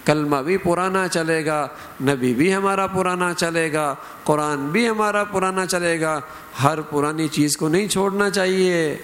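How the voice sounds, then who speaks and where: A man's voice: a little high, a bit bright. A middle-aged man preaching a sermon, emphatic, lifting his voice to act out quoted phrases and examples. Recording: hall with long reverb.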